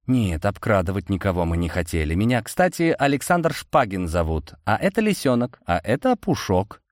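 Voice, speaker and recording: A man's voice: on the low side, very animated, normal speed, no echo, studio quality. A man voicing the first-person hero of an audiobook, an eager and earnest young adventurer.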